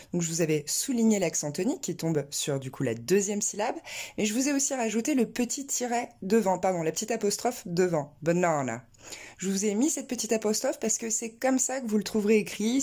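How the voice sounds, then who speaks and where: A woman teaching an English pronunciation lesson, explaining clearly and slowing down to model words. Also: medium pitch, warm tone.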